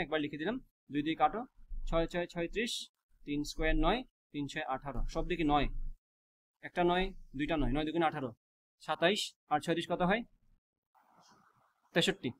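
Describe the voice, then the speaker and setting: A man teaches a physics class, quizzing students with quick rhetorical questions and mixing English math terms into his speech. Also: fairly high pitch. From Bangladesh.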